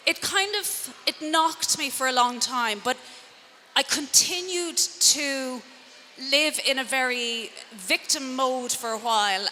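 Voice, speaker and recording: Bright west of Ireland woman speaking in hall. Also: fairly high pitch. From Connemara, Galway, west of Ireland. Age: middle-aged. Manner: conversational, rhetorical questions, self-deprecating asides. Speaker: transformative coach and speaker. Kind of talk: motivational talk to a live audience. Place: indoor event room before an audience. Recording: reverberant hall, clear background noise.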